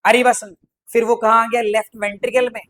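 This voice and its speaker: A man's voice: extremely high pitch, little pitch movement, brisk, fairly bright tone. A man teaching a science lesson, chatty and playful, constantly asking questions and answering them himself. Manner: playful, chatty, mixes English terms into speech. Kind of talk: exam-prep science lecture.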